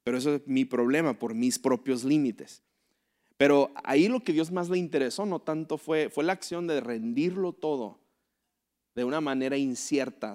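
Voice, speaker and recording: A man preaching a sermon in a relaxed, conversational way, mixing personal testimony with jokes and often asking his listeners for agreement. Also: mid-range voice. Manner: conversational, humorous, asks "¿verdad?" often.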